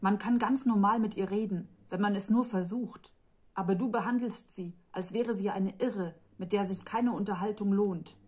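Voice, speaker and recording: A woman's voice: mid-range voice, normal speed, slightly rough, lightly acted. A woman reading as an eager young boy. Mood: sharp. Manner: urgent, sharp when defending a friend.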